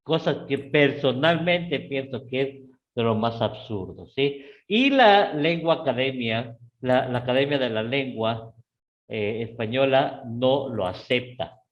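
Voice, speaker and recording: A middle-aged man with an Ecuadorian Spanish accent teaching a live class, often checking in with his students and rising sharply in pitch on key words. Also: slow pace, muffled recording. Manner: repeats "¿sí?" and "¿no es cierto?" to check on students; lively, with sudden rises in pitch.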